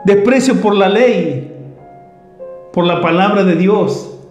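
A man's voice: high-pitched, expressive, slow, a little mellow, echoey room, soft background music. A man preaching a sermon as pastor, emphatic and full of rhetorical questions.

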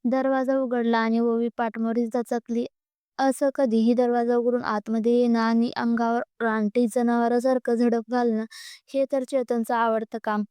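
A woman narrates a story in a steady, even read, her voice smooth and mellow. Her pitch sits fairly high but barely moves. The sound is close and dry. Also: normal speed, no echo. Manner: steady, even reading with occasional slips.

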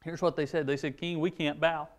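A man's voice: on the high side, fairly even intonation, brisk. A man with an American accent, teaching a children's church lesson and retelling a Bible story in an easygoing, storytelling way. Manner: storytelling with paraphrased voices of characters.

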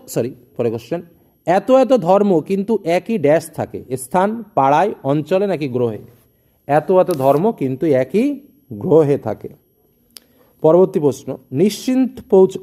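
A man's voice: a little high, warm tone. A male tutor reading exam questions with their options and then giving the answers, speaking directly to students. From West Bengal, India.

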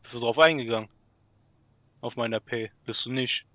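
Bright-voiced young man, dismissive. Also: mid-range voice, moderate pace, no room sound. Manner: defensive, dismissive, interrupting. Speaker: streamer. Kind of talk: heated gaming argument.

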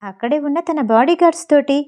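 Mellow woman reading an audio novel. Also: sits high, fast talker. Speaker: audiobook reader. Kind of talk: scripted novel narration.

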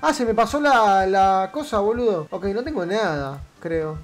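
A man with an Argentine Rioplatense accent giving let's-play commentary, excitable, swearing a lot and shrieking at scares. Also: sits high, unhurried, soft background music. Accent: Argentine Rioplatense Spanish. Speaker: gamer.

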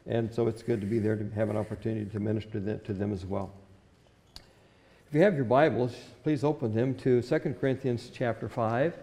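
A man's voice: fairly low pitch, steady tone, a little fast, mellow, long reverb tail. An older man preaching a sermon from a church pulpit in an earnest, old-fashioned way, reading scripture aloud. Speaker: pastor. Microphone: stand microphone at the pulpit.

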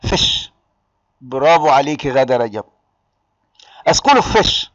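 A man with an Egyptian Arabic accent teaching an online English exam-prep lesson, lively and calling on students by name. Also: mid-range voice, unhurried, highs cut off.

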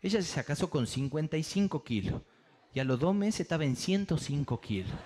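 A male stand-up comedian works a theater stage through a stage mic. His voice sits slightly high for a man. He tells bawdy stories with a punchy, rhythmic delivery. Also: lively intonation, fairly quick, darkish tone.

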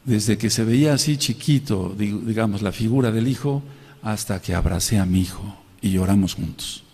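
A man's voice: fairly low pitch, moderate pace, husky. Male pastor preaching in a hall. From Mexico. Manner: preaching with sudden loud outbursts and quiet storytelling. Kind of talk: sermon.

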